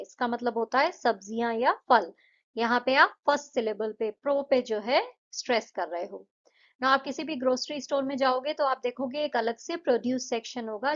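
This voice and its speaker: Woman teacher, dull lo-fi sound. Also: on the high side. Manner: reads English questions slowly, explains in Hindi. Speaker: English teacher. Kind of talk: explaining textbook answers in Hindi mixed with English. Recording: dull lo-fi recording.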